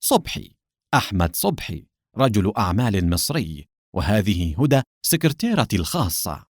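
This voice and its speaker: A man's voice: lowish voice, big pitch swings, fast talker, a little mellow, dry recording, clean studio sound. A man narrating an audiobook voices a cunning male secret agent who acts theatrically angry. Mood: feigned anger.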